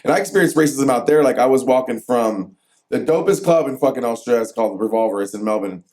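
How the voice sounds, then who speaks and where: A brash, profane American man hosting a casual podcast chat, excitable and quick to swear. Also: medium pitch. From USA. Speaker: podcast host.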